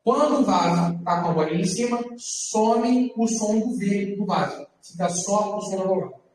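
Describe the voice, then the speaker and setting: A man teaching Hebrew letters to a class. He talks patiently and repeats words slowly for his students. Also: high voice, darkish tone, slight background noise. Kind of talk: classroom lesson. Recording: echoey classroom from far off.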